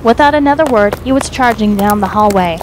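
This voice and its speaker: Over background music and noise, a woman narrates a dramatic fan fiction audio story from a script, speaking fairly quickly at a medium pitch.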